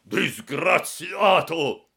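A man voicing a flustered, irate older salesman who shouts and sputters in outbursts. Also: a little high, lively intonation, extremely slow, creaky, pitched above the performer's own voice, full character voice. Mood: furious.

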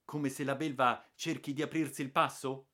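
A man's voice: medium pitch, flat delivery, moderate pace, pushed and bright, pitched above the performer's own voice, close to an everyday voice. A man voicing a commanding old sea-wolf hunter who gives urgent orders in a raised voice in an adventure story. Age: older. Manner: imperious, urgent.

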